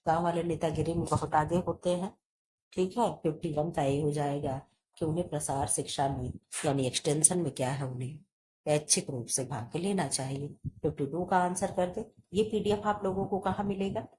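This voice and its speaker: Her voice is low and warm, with a bit of hiss or hum in poor audio. Coughing and sore in the chest, this teacher works through exam questions for exam prep, voicing every option before supplying the answer herself.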